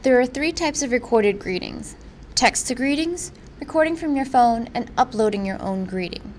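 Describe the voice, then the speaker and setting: A woman presenting a software tutorial in an informal, instructional way. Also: fairly high pitch, lively intonation, normal speed, slight background noise. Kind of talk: software walkthrough narration.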